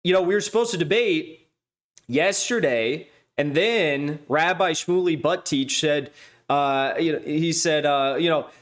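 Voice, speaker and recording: Male streamer-host, slightly high voice, loose sardonic monologue, mocking asides. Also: measured pace. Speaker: livestream news host. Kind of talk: casual off-the-cuff monologue.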